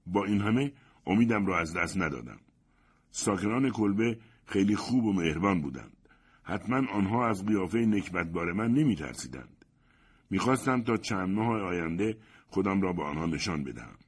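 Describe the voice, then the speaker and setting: A man's voice: deep voice, expressive, breathy edge. A man narrating a first-person story in a grave, sorrowful reading. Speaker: audiobook narrator.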